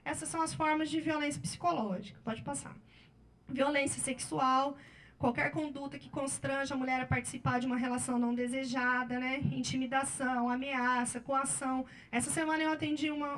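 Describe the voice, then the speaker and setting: A Brazilian Portuguese-speaking woman, a public defender, giving a workshop lecture with slides and telling cases in a lively way, often ending with "né?". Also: sits high. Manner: lively storytelling with frequent "né?" tag questions.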